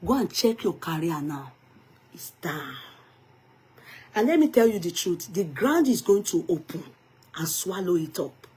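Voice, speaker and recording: A woman's voice: fairly low pitch, very animated, unhurried, pauses often, darkish tone, breathy edge. A woman with a Nigerian accent giving emphatic gossip commentary in a vlog, slipping into pidgin and Yoruba phrases. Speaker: vlogger.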